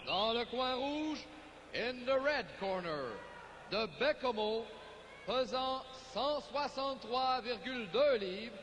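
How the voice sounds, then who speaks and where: A male boxing ring announcer with a Quebec French accent delivers formal, drawn-out introductions. His voice booms high and very deliberate, ringing long through an arena PA with faint noise. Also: expressive, big-room sound. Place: indoor fight arena over loudspeakers.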